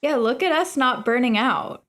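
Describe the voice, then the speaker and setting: A woman's voice: sits high, lively intonation, moderate pace, a bit bright. A young woman co-hosting a podcast with wry, casual remarks. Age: young adult. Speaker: podcast co-host. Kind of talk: casual chat.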